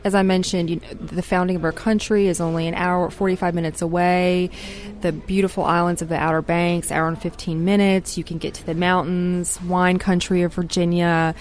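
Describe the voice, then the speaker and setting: A woman's voice: fairly low pitch, little pitch movement, moderate pace, a little mellow, slight background noise. A woman guest on a radio travel interview, talking enthusiastically with many fillers and restarts. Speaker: tourism representative guest.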